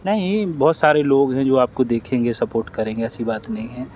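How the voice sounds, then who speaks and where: A man's voice: mid-range voice, animated, brisk, darkish tone. Male host, mid-range voice, earnest and comforting, faint noise behind. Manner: earnest, consoling. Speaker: interviewer, channel host. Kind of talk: interview and appeal to viewers.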